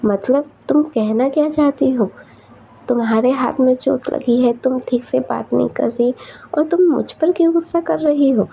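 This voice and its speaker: A woman's voice: sits high, moderate pace, vocal fry, dark tone, highs cut off, a little hiss or hum, voice pushed up. A woman voicing an anxious young female student who pleads and asks worried questions. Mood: upset.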